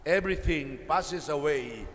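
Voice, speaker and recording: A male priest delivering a homily at a pulpit microphone in a church, slow and measured with dramatic pauses. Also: on the high side, big-room sound, a little hiss or hum.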